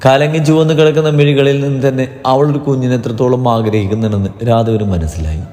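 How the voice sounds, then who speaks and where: A man narrating a romantic family story in a steady, even reading. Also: medium pitch, fast talker, big-room sound.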